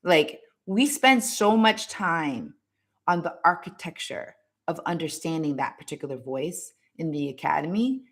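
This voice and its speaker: A woman hosting a motivational talk, speaking emphatically to her listeners, repeating words and tagging lines with "right?". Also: deep voice. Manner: preachy, direct address to the audience. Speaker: host.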